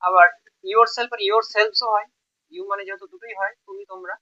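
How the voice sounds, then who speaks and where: Bright-voiced male Bengali grammar teacher. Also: sits high, fairly even intonation, moderate pace, highs cut off. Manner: explains step by step, repeats words, checks in often. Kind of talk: grammar lesson.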